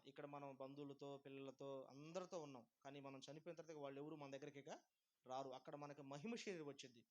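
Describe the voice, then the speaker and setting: A man preaching as a pastor, building shouted repetitions and calling the congregation to praise. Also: a little high. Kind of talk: sermon.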